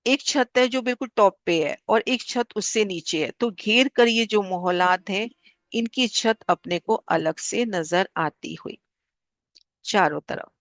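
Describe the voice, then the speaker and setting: A woman teaching a spiritual class, calmly guiding listeners through maps and repeating key figures so they stick. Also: medium pitch, a little slow, dry recording. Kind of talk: devotional lesson explaining maps.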